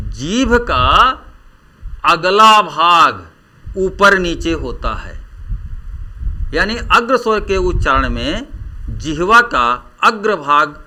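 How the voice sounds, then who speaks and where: A man teaching Hindi grammar in a lecture, drawing out vowels slowly as he demonstrates them. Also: fairly high pitch, pushed and bright. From India. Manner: slow, drawn-out vowel demonstrations. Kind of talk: classroom lecture.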